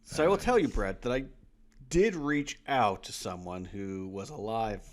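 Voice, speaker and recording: A man's voice: on the low side, expressive, measured pace. A man co-hosting a podcast in casual chat, rambling and laughing often. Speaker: podcast co-host.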